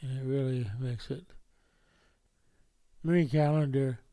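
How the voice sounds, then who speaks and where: A man's voice: mid-range voice, fairly even intonation, unhurried, dark tone, dry recording. A man preaching a sermon in a folksy way, often ending points with tag questions. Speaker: pastor.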